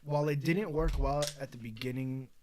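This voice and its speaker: A young man hosting a casual sports chat, animated and full of quick restarts. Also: medium pitch, noisy background. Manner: animated, quick back-and-forth with repeated restarts. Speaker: podcast host.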